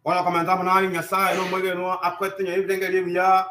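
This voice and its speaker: Male sermon interpreter, high monotone voice, echoes each line, roomy church sound. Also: a little fast. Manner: echoing each line in call and response.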